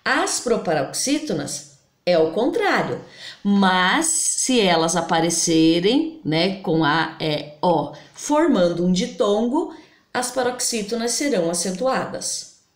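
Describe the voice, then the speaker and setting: A woman teaching a grammar lesson, slowly spelling out example words syllable by syllable. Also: mid-range voice, big pitch swings. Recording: roomy echo.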